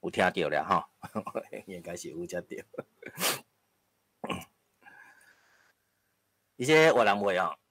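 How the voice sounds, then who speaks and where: Deep-voiced Taiwanese man lecturing. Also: big pitch swings, slow, pauses often, a bit bright, no echo. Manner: explains step by step with frequent tag particles; occasional coughs and throat clearing. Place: lecture hall with live audience.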